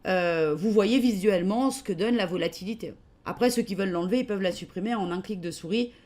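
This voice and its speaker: In a live webinar about trading software, a woman with a French accent reads out viewer questions and answers them. Her mid-range voice moves at a quick pace, and her delivery is casual and hesitant, filled with frequent fillers.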